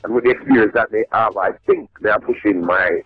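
A middle-aged reggae artist with a Jamaican accent, heard over a phone line, talking in a laid-back, rambling way with lots of restarts. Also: male voice, fairly low pitch, fairly quick, breathy edge, no echo. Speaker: reggae artist calling in as a guest. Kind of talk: casual radio phone interview. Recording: tinny dry phone line with faint music.

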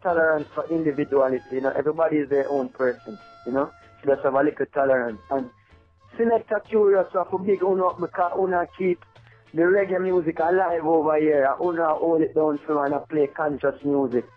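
A man's voice: a little high, fairly even intonation, fairly quick. A male reggae artist, calling in by phone to a radio show and talking in a loose, rambling way with many "you know what I mean"s. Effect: over the phone. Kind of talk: phone interview, casual. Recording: tinny phone line, faint music behind.

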